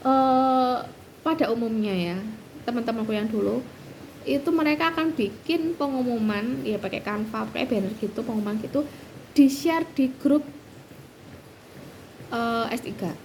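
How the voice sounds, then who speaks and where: A woman's voice: normal speed, long pauses, slight background noise, low-quality recording. A woman, chatting casually as a vlogger about her doctoral studies, with lots of fillers and restarts. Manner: lively, acts out quoted voices at a higher pitch. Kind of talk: casual storytelling.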